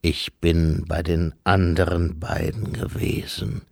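A man voicing Death, a solemn, calm skeletal being, speaking slowly and in a hushed, grave way. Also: low voice, vocal fry, no echo, studio quality, voice pushed down, exaggerated voice. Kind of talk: audiobook character voice.

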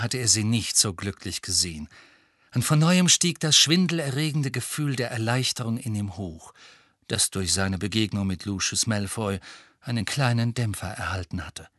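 Bright-voiced male audiobook narrator. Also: mid-range voice, dry recording, clean studio sound. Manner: measured storytelling. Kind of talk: scripted narration.

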